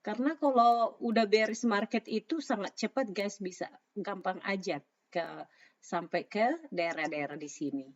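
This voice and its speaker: A woman with a raspy voice, hoarse from a sore throat, casually talking through trading analysis and mixing in English phrases. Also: medium pitch, moderate pace. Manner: informal, mixes English phrases into talk. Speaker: trader presenting market analysis. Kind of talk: casual spoken chart commentary. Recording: dull, lo-fi microphone sound.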